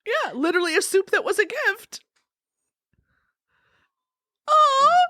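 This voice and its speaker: A woman co-hosting a podcast in casual chat, talkative and swearing freely, often breaking into loud laughter. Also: extremely high pitch, very animated, slow pace, dry recording, clean studio sound. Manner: chatty, swears freely, laughs loudly at her own jokes. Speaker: podcast co-host.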